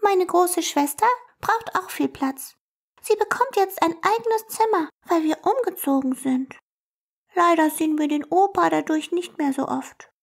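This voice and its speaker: A woman's voice: measured pace, gravelly, exaggerated voice. A woman voicing a curious little girl in a children's storybook. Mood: childlike. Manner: small, high, childlike.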